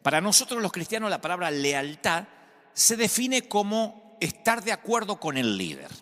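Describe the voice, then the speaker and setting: Preaching as pastor, a man from Argentina with an Argentine Spanish accent tells humorous, emphatic stories. He speaks at a normal speed in a high, slightly bright voice with big pitch swings, captured with long hall reverb.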